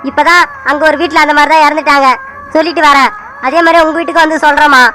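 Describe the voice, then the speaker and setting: A woman voicing a young male hospital messenger in a cartoon who speaks in a matter-of-fact, hurried way. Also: high-pitched, steady tone, pushed and bright, slight background noise, low-quality recording.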